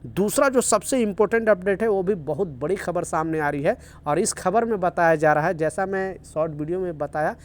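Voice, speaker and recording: A man's voice: high-pitched, a little fast, few pauses. A man giving casual video news updates for workers in the Gulf, earnest and repetitive, urging viewers to take care. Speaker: news vlogger for workers in the UAE.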